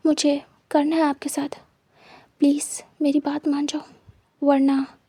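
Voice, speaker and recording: A woman's voice: high-pitched, completely flat delivery, a little slow, mellow, no room sound. A woman voicing a brazen young mafia boss. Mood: insistent. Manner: teasing, insistent, menacing when crossed.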